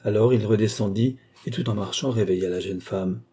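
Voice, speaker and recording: Male narrator for a classic novel: measured, even, low and husky. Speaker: audiobook narrator. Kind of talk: scripted narration.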